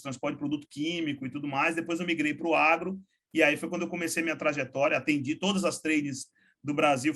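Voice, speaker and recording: Energetic man, slangy guest. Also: on the high side. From Salvador, Bahia, Brazil. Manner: energetic, informal, frequent slang. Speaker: guest, logistics startup founder. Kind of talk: relaxed interview talk.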